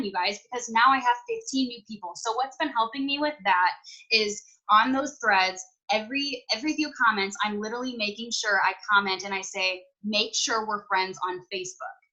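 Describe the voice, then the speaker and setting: A woman's voice: mid-range voice, sharp tone, muffled recording. A woman on a video call giving chatty, upbeat tips to her team in a casual way. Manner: chatty, upbeat, talks fast with many "like"s and "you guys". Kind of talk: casual motivational team chat.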